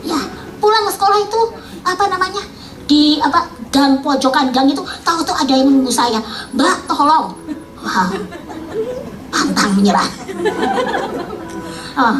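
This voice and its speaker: A woman from East Java gives a personal testimony in a casual, halting way, often searching for words and correcting herself. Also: high voice, lively intonation, music in the background. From East Java, Indonesia. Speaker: testimony speaker. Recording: echoey room, distant mic, faint noise.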